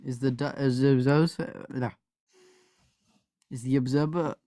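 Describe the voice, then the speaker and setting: A man chatting casually on a voice call, rambling and halting, with frequent false starts. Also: medium pitch, fairly even intonation, warm tone, no room sound, studio quality. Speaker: panelist on a live debate stream. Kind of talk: casual chat and anecdote. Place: online voice call.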